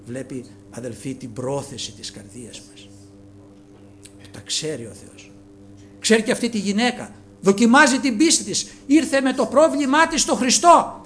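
A man preaching a sermon, earnest, calling his listeners brothers and moving between soft, low passages and raised ones. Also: expressive, a little hiss or hum.

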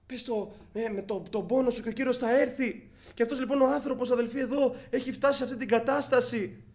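A man's voice: extremely high pitch, steady tone, darkish tone. A male preacher giving a fervent sermon, addressing the congregation as brothers, with frequent hesitant fillers.

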